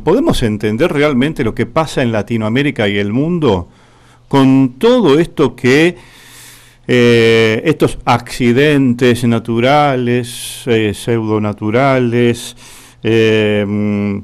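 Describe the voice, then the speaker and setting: A radio host with an Argentine accent runs a talk show in a mid-range voice, speaking unhurriedly and searching for words with frequent fillers.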